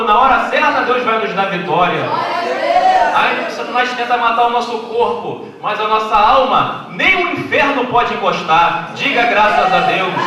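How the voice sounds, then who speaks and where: A man's voice: sits high, noisy background. A male pastor preaching a fervent storytelling sermon in a church. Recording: echoey hall from far off.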